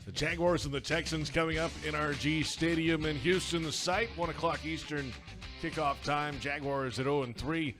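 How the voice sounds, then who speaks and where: A man's voice: on the high side, fairly even intonation, moderate pace, music in the background. An American man hosting a sports pregame show on the radio.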